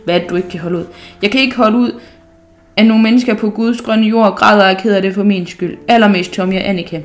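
A woman's voice: medium pitch, fairly even intonation, close to an everyday voice. A woman reading aloud a bold, cheeky young girl from a storybook, chatty and full of fanciful plans. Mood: pleading.

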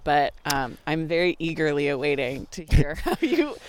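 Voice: mid-range voice, big pitch swings, normal speed, clear, resonant tone, dry recording, poor audio. A podcast host in a casual interview conversation, friendly and encouraging, laughing often.

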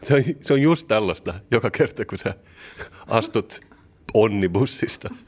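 A male podcast co-host with a very deep voice. He trades dry, playful jokes in relaxed chat. The talk is loose and comedic.

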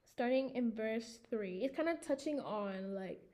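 A woman's voice: a little high, expressive, mellow. Giggly young American woman podcaster. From United States. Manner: giggly, many fillers, quick asides. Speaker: podcast co-host. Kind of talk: casual chat.

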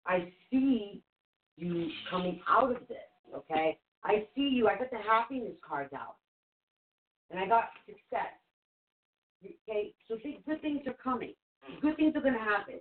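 Her voice sits on the low side, with a little hiss or hum in the narrow, phone-like audio. A Portuguese-first-language spirit reader, she hosts a live call-in psychic show, chatting reassuringly and repeating points to stress them.

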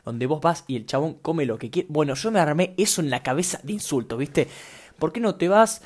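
A man's voice: a little high, a little fast, slightly rough. Young Rioplatense man, solo podcast host, loose slangy rambling. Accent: Rioplatense Spanish. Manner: scattered, self-mocking, slangy.

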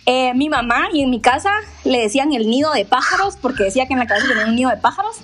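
A woman of twenty-nine, co-hosting a casual chat. She tells stories in an animated way, swears freely and acts out the dialogue. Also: high voice, racing, soft background music. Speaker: podcast co-host.

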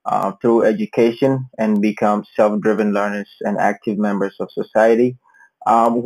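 A man's voice: on the low side, vocal fry, a little mellow, low-quality recording. A man, a podcast guest, speaking thoughtfully with frequent hesitations. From Ghana. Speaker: interview guest. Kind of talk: casual interview.

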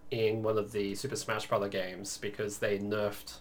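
A man's voice: on the low side, level tone, moderate pace, slight background noise. A man co-hosting a podcast in casual chat, sarcastic and opinionated, swearing offhandedly. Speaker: podcast co-host.

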